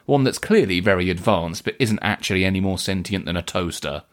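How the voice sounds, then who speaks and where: A man's voice: deep voice, animated, a little fast. Dry exasperated male news anchor. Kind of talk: satirical news presenting.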